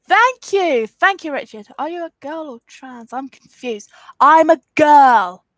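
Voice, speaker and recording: Her voice sits high, with lively intonation and an unhurried pace, captured in a dry recording. She's an English YouTuber in her twenties with an Essex accent, congested from a cold, chatting through a live Q&A. Rambling and frank, she stands her ground against trolls.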